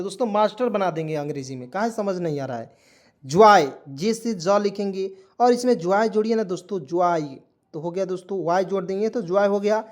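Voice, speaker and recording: A man teaching English reading as a classroom-style lesson, spelling out letters, sounding words slowly and repeating them, often calling viewers his friends. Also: sits high, a little mellow. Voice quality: repetitive, addresses viewers as friends. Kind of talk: Hindi-language phonics lesson.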